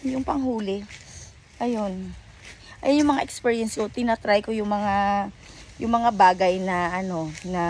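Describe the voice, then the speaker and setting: A woman's voice: a little high, a little hiss or hum. A woman with a Filipino accent vlogging outdoors by a river, rambling in a chatty, casual way with many fillers and self-corrections. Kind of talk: casual chat mixing English and Tagalog.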